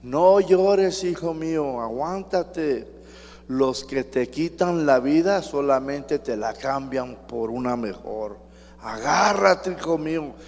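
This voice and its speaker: A man's voice: a little high, expressive, slow pace, big-room sound, slight background noise. A man voicing a mother crying out to her son. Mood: pleading. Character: grieving mother urging her son to endure.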